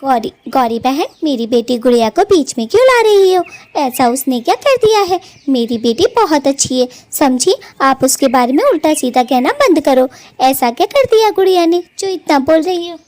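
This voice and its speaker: A woman's voice: sits high, sing-song, normal speed, few pauses, darkish tone. A woman voicing a meek, polite mother sparrow in a cartoon who pleads and soothes. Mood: pleading. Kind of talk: Hindi cartoon voice acting.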